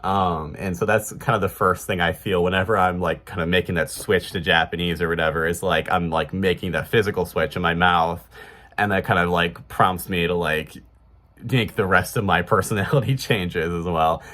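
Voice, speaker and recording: A man's voice: sits low, steady tone, normal speed, bright, forceful tone. A man in his thirties with a Chicago accent, talking casually to camera in a rambling way, full of fillers and restarts. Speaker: vlogger.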